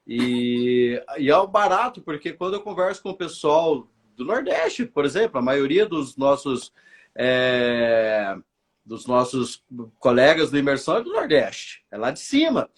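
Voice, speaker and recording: Friendly brazilian guy w campinas countryside accent, husky, lively up and down voice. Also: mid-range voice, unhurried. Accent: São Paulo countryside, rolled-back R. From Campinas, São Paulo state, Brazil. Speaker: host, nurse. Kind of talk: casual interview chat. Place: online live interview.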